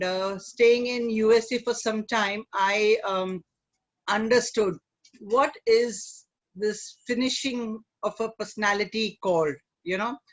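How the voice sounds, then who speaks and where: A middle-aged woman with an Indian accent talks as a guest in a conversational interview. She phrases things haltingly and often tags them with "you know". The audio is dull and lo-fi, as on an online call. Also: medium pitch. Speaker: guest, image consultant.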